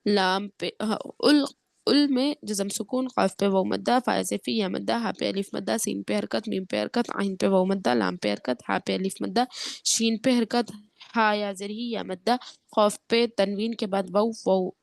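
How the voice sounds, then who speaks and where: A woman teaching a Quran lesson with tajweed rules, her voice affected by a cold. She explains step by step, often checks in with her students, and chants the verses slowly. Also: medium pitch, steady tone, gravelly, dry recording, studio quality. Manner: slow drawn-out chanting when reciting verses.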